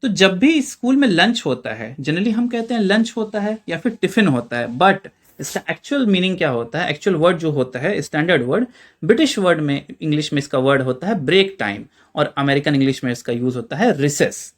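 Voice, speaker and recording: High-voiced Indian man teaching vocabulary. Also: animated, a little fast. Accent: Indian Hindi. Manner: quizzes the viewer with rhetorical questions; addresses listeners as friends, chatty. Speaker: English teacher. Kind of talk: classroom-style explainer lesson.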